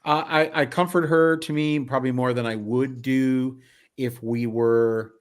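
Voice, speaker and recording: A man's voice: mid-range voice, fairly even intonation, a little slow, clear, resonant tone. A man playing in a tabletop game, thoughtfully explaining what his character does. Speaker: player.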